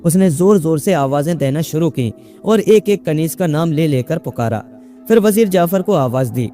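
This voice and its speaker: A man narrating a folk tale in a steady, measured storytelling manner. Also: on the high side.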